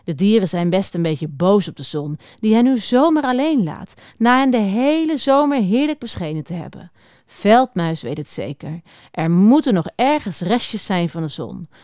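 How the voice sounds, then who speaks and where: A woman's voice: mid-range voice, normal speed, no room sound, studio quality. Woman reading a picture book aloud. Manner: expressive, talks directly to children. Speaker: storyteller for young children.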